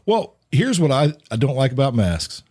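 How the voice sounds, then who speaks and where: Middle-aged male podcast host, husky, animated delivery, tells anecdotes with voices. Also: medium pitch, normal speed. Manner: storytelling, acts out the people in his anecdotes. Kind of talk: casual podcast chat.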